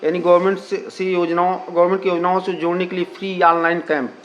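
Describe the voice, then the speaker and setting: A fast-talking man with a high voice and a level tone answers interview questions as a community radio station representative. He repeats himself and blends English words and fillers into his Hindi, all captured in lo-fi sound.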